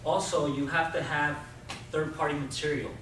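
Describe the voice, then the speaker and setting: At a Toastmasters club meeting, a man gives an informal, persuasive sales talk, addressing his points directly to the group in the room. His voice sits on the high side, a bit bright, with little pitch movement and a moderate pace. The mic is distant, the room very echoey, and noise is clearly audible.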